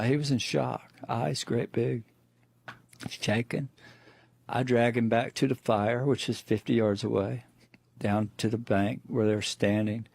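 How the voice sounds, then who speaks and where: A man's voice: fairly low pitch, gravelly, a little mellow, no echo. A middle-aged man, a guest on the show, recounting a personal encounter in plainspoken storytelling full of restarts. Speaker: eyewitness guest.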